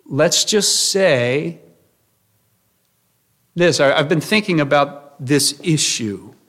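A man's voice: on the high side, lively intonation, slow pace, fairly bright tone. A man in his thirties preaching a sermon in an earnest, conversational way, with frequent fillers and asides. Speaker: pastor.

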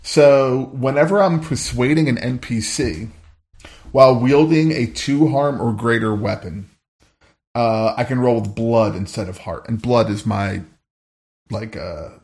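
A man's voice: mid-range voice, a little slow, darkish tone. A man playing a tabletop game, chatting casually in an informal, meandering way.

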